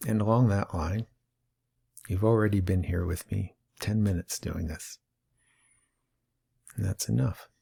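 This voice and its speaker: A man with a low, gravelly voice talks very slowly and calmly, with long pauses. His tone is mellow and dark as he guides listeners through an awareness lesson. He sounds patient and unhurried. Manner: slow and calm, with long pauses. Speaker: mindfulness teacher.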